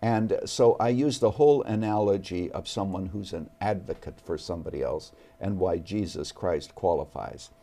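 Low, mellow-voiced man speaking deliberately. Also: gravelly. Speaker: guest. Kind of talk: earnest conversation on faith. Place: television studio.

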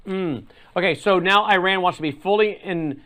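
A man's voice: sits high, normal speed, a bit bright. A man hosting an interview, mostly agreeing briefly and prompting his guest with questions. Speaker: show host.

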